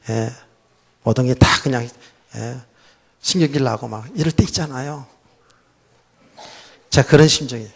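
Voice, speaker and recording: A middle-aged man, a pastor, telling a personal story in a sermon, swinging between loud outbursts and soft, low asides. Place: church sanctuary.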